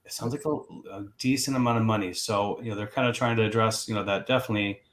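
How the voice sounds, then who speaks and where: A man's voice: lowish voice, steady tone, fast talker, a bit bright, reverberant. Male podcast host, agreeable and loose. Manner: filler-heavy, agreeable. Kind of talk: casual discussion.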